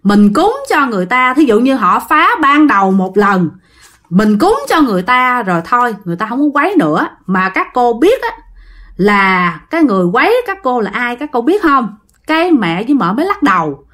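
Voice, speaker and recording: A woman telling a ghost story in an animated, conversational way. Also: fairly high pitch, moderate pace.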